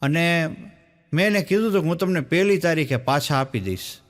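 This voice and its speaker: A male stand-up comic with a slightly high, lively voice and a somewhat quick delivery tells Gujarati folk jokes. He spins each one as a story and acts out the characters' dialogue.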